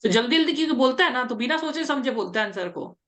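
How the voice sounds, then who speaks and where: Woman interview coach, fairly high voice, chatty and repetitive. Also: expressive, quick pace, fairly bright tone. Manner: chatty, repetitive reassurance, mixes English terms into speech. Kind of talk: casual coaching talk.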